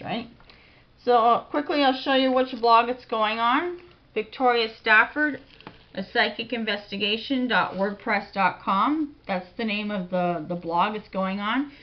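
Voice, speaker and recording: A woman blogger talking quietly in a casual home vlog, reading out lists of titles and dates from her home office. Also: a little high, normal speed. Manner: soft-spoken, quiet delivery. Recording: dull lo-fi home recording.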